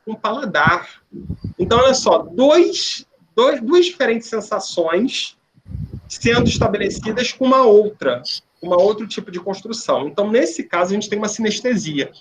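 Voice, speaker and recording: A man's voice: high voice, animated, normal speed, a little hiss or hum, rough recording. A man teaching a remote language class, explaining step by step and checking in with "né?" and "ok?" often. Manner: explanatory, asks "né?" and "ok?" often, with frequent restarts.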